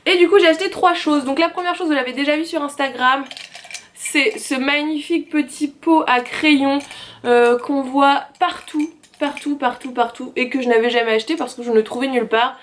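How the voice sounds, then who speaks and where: A woman's voice: high voice, moderate pace, slight background noise. A young woman from France showing off craft purchases in a casual, chatty, self-mocking way, with sighs and fillers. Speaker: craft vlogger. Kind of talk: casual haul video.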